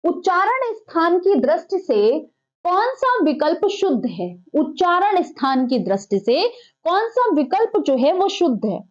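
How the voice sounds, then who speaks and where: A woman's voice: extremely high pitch, very animated, measured pace, dull audio. A woman teaching an exam-prep lesson, putting questions to the class and then answering them herself. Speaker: Hindi teacher.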